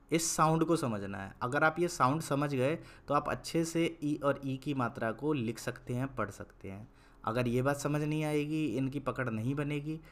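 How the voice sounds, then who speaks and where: A young man teaching Hindi in an online lesson. He is patient, explains slowly, repeats words, and turns blunt when he lectures. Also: mid-range voice.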